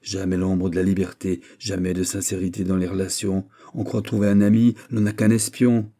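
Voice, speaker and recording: A man's voice: deep voice, level tone, normal speed, dark tone. A man reading aloud and voicing an impassioned, jealous young king who pleads and bursts out. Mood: anguished. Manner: pleading, rising to outbursts.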